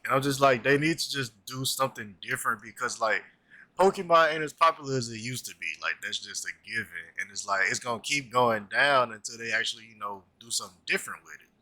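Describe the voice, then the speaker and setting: Talking fast in a mid-range voice, a twenty-something man rambles animatedly about cartoons in a casual chat, filling his speech with "like" and other fillers. The recording has no room sound.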